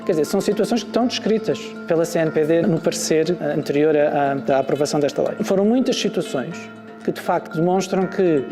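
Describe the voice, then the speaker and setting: A man's voice: a little high, quick pace. A man with a European Portuguese accent explaining points as an expert in an interview. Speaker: legal commentator. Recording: long reverb, faint music behind.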